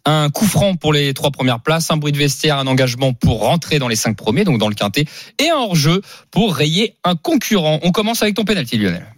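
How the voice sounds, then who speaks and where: A male radio host moves the segment along briskly, setting up each guest. His voice sits slightly high. The studio sound is close and dry. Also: lively intonation, dry recording. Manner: brisk, steering the talk. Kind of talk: casual radio hosting.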